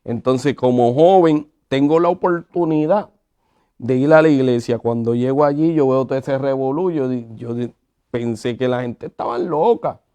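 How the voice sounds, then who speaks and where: A man telling his conversion story in a conversational, animated way, acting out the quotes. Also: mid-range voice, moderate pace, clear, resonant tone. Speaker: guest sharing his testimony. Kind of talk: conversational testimony.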